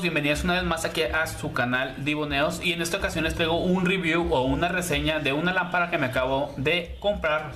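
A man's voice: on the high side, a bit bright. A man hosting a casual product review vlog, chatty and hesitant, repeating himself and using lots of diminutives. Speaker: YouTube beauty channel host reviewer. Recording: roomy echo with background hiss.

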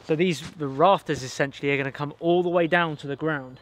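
A man in his thirties with a fairly high, fairly bright voice and a steady tone talks fast as he hosts a casual bushcraft vlog. He explains the build with enthusiasm while working in a forest. His camera mic is sometimes distant, and there's slight background noise.

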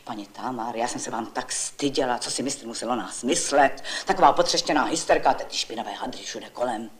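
A woman's voice: extremely low pitch, pitched below the performer's own voice. A woman reading as a fussy, chattering housewife. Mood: chatty. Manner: quick, chattering and complaining. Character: fussy, talkative housewife woman, busy and indignant. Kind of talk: literary story reading.

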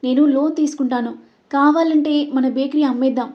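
A woman's voice: high voice, steady tone, a little fast, lo-fi sound, close to an everyday voice. A woman voicing a shocked, tearful young woman pleading to save her brother. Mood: distraught.

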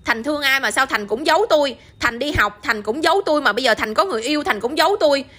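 Reproachful young woman scolding a friend, read by a storyteller, high and fast, southern vietnamese. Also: lively intonation, a bit bright. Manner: reproachful, pleading.

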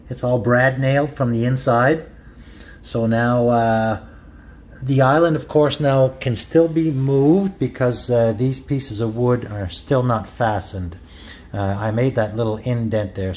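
Holding his phone camera in the kitchen he's renovating, a man with a medium-pitched, darkish voice gives a loose, wandering tour. This home renovation vlogger fills his talk with fillers and keeps restarting.

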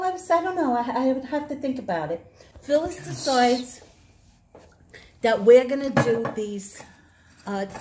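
Animated high-voiced older woman telling stories. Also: a little hiss or hum. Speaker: host. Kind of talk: casual storytelling chat. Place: home kitchen.

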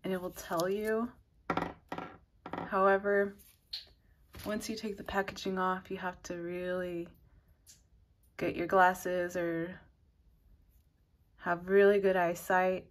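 With a lowish voice and noise in the background, a knitting channel host reviews needles. Her review is casual and rambling, loosely put together and peppered with "like," and she describes herself as an advanced beginner knitter.

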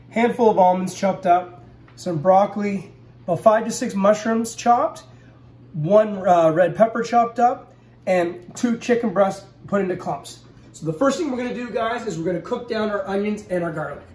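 Cooking to camera in his home kitchen, a cheerful host in his forties keeps it casual and calls his viewers "guys." He has a high, darkish voice and a moderate pace, heard through a distant mic in a roomy space with faint kitchen noise.

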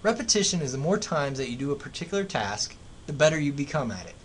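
A man's voice: sing-song, fast. American male professor lecturing, noisy recording. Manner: explanatory, professor-like lecturing with everyday examples. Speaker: economics teacher. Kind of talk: classroom lecture narrated over slides. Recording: clear background noise, low rumble.

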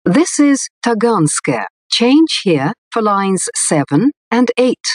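A woman reading formal, scripted subway announcements in clearly separated phrases. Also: mid-range voice, big pitch swings, takes it slowly, no echo, studio quality.

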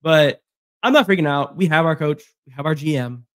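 A man co-hosting a casual sports podcast, talking in an animated way, repeating himself and laughing easily. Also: fairly high pitch, brisk, dry recording, clean studio sound. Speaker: podcast co-host.

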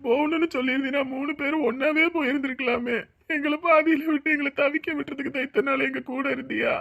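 A man's voice: very high-pitched, steady tone, fast, vocal fry, a bit bright, muffled recording, heavily acted. An actor playing a middle-aged father who pleads tearfully with his son and threatens those who wronged him. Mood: anguished. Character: anguished middle-aged father, grieving then vengeful. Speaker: grieving father. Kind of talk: Tamil TV drama acting.

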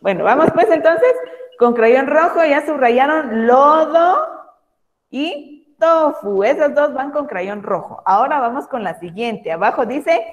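Primary teacher, woman, online class; affectionate, slow, emphatic; a touch high; reverberant room. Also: animated, lo-fi sound. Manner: patient, slow and emphatic when reading words aloud; affectionate toward pupils. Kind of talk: online class for young children. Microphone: video call.

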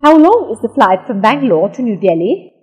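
A woman with a husky, breathy voice pitched a little high reads practice dialogue lines with a lively, rising and falling melody. Her delivery is slow and carefully enunciated, and a long reverb trails behind each phrase. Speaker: dialogue reader in an English lesson. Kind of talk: scripted dialogue reading.

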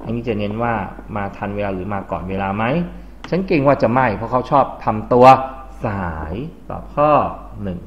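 A man's voice: lowish voice, lively intonation, normal speed, lo-fi sound, slight background noise. Thai man teaching an English class. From Thailand. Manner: explains vocabulary, asks the class questions. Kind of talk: classroom lesson.

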